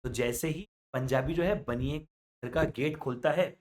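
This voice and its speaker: A male maths teacher teaching through a story, switching between quiet asides and loud outbursts. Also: mid-range voice, normal speed. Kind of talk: storytelling lesson.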